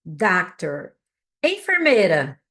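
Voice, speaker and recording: A native Portuguese-speaking woman teaching English vocabulary, drilling each word slowly for learners to repeat and checking in with them often. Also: on the low side, huge pitch swings, sharp tone. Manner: slow, patient drilling of words for learners to repeat; casual and encouraging, with frequent check-ins.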